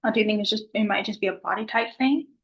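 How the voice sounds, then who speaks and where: A woman talks softly and casually as she sets out her meal for a vlog. Her voice sits at an ordinary middle pitch, and she keeps her volume low throughout. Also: fast talker, rough recording. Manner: soft-spoken, low volume. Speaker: vlogger. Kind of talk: casual food vlog chat.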